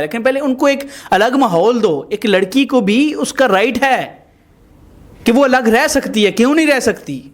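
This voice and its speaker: A man with a noticeably high voice acts as host and mediator in a confrontational reality-style show. He talks to the couple in an emphatic, moralizing way, scolding and instructing them.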